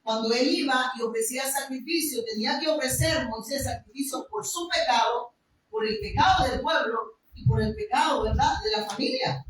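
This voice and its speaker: High-voiced woman preaching in an echoey room. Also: expressive, moderate pace, fairly bright tone, a little hiss or hum. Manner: emphatic, with rhetorical questions and raised passages. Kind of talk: sermon with Bible reading. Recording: echoey room, mic far off.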